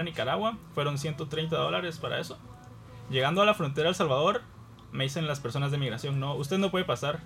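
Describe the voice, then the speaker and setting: A man's voice: fairly high pitch, a bit bright, a little hiss or hum. A man from Guatemala, a guest on the program, telling a personal anecdote in a casual, self-deprecating way, laughing now and then.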